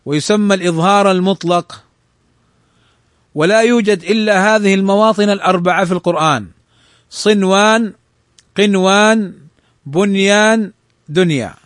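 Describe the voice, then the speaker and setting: A man teaching the rules of Quran recitation, explaining a text and slowly reciting examples to show each rule. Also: sits high, no room sound, studio quality. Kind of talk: tajweed lesson explaining a text.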